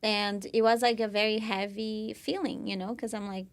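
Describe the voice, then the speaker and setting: This podcast co-host, a young woman from Brazil, has a mid-range voice with a level tone and moderate pace. Her Brazilian Portuguese accent colors an earnest, casual telling of her own story, packed with "you know" and "like."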